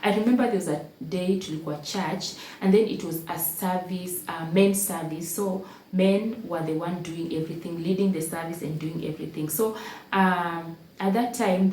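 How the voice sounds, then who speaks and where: A woman's voice: fairly low pitch, a little mellow, distant mic. A young Kenyan woman telling her own life story to the camera, emotional and repeating phrases for emphasis. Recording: echoey room, voice a bit off-mic, faint background hum.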